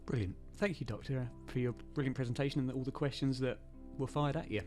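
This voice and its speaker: A man's voice: medium pitch, fast, darkish tone, faint music behind. A man hosting an online research forum, polite and slightly self-deprecating. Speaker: host.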